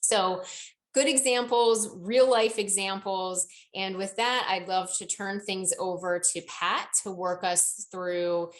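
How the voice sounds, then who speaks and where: A woman's voice: mid-range voice, fairly even intonation, slow pace, poor audio. A woman presenting a corporate training webinar, talking through examples in a conversational way.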